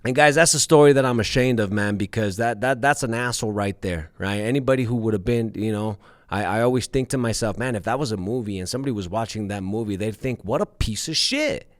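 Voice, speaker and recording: A man's voice: lowish voice, quick pace, no room sound, clean studio sound. A man in his thirties hosting a show, telling a personal story to his listeners in a candid, profane way and calling them guys. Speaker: podcast host.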